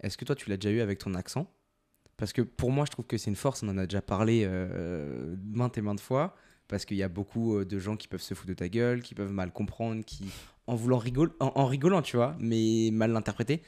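A man hosts a relaxed podcast conversation. His voice sits a little low. He talks in casual, slangy speech and keeps his guests going with questions. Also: a little fast. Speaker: podcast host.

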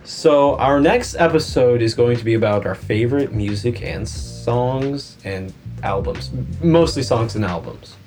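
A young man co-hosting a podcast, joking around in a goofy, excitable way. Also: medium pitch, measured pace, hardly any pauses, faint music behind. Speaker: podcast co-host. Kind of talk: casual podcast chat.

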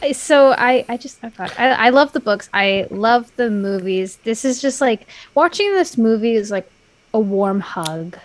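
A woman's voice: fairly high pitch, animated, moderate pace. A young woman co-hosting a casual podcast, playful and gushing as a devoted fan, with jokey asides. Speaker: podcast co-host. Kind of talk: casual chat.

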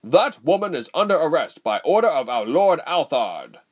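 A man voicing a self-important soldier who speaks loudly and officiously. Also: mid-range voice, sing-song, moderate pace, slightly rough, pitched above the performer's own voice. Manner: loud, officious, raised voice.

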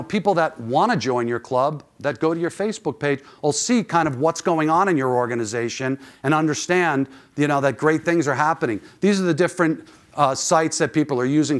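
A man presenting informally to an audience as a conference speaker, conversational and often posing questions to listeners. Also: mid-range voice. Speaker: conference speaker, club manager.

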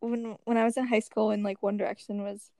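A young woman playing along as a quiz guest, easygoing and quick to laugh. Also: mid-range voice, little pitch movement, warm tone, dry recording. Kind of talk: casual chat, quiz game.

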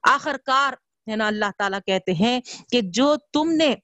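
A woman's voice: a little high, animated, fairly bright tone, no echo, lo-fi sound. A woman giving a Quranic commentary lecture, stuffing her speech with a constant tag filler and asking emphatic rhetorical questions. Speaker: religious teacher.

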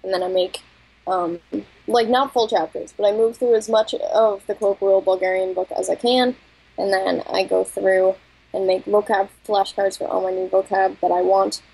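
Female podcast co-host, husky and breathy, candid and self-conscious, laughs a lot. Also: mid-range voice, fairly even intonation, normal speed, darkish tone, low-quality recording. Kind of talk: casual chat.

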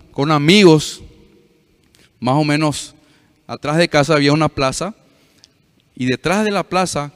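A man's voice: a little high, clean tone, in a large hall. A male pastor preaching to a youth meeting, telling a story with frequent questions to the audience.

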